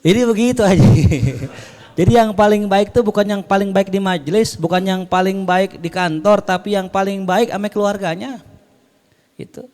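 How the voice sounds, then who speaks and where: A man's voice: high voice, steady tone, moderate pace, a little mellow. A man giving a casual religious lecture, reading Arabic phrases and explaining them in colloquial slang with jokes. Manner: reads Arabic then explains in colloquial Jakarta slang, joking. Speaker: Islamic preacher.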